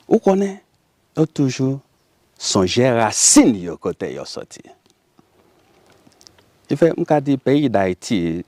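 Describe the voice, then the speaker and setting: A man from Haiti with a Haitian Creole accent, speaking as a guest in a casual interview, animated and laughing often. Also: on the low side, no room sound.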